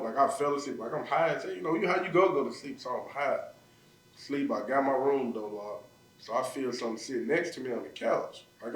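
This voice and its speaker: A man with a Memphis Southern drawl, recounting a hard stretch of his life in raw, emotional talk full of "like." His voice sits at an ordinary middle pitch. He is caught from some distance off the mic in a roomy, echoing space. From Memphis, USA. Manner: raw, emotional, frequent "like" fillers. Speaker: podcast guest. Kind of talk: personal storytelling in conversation.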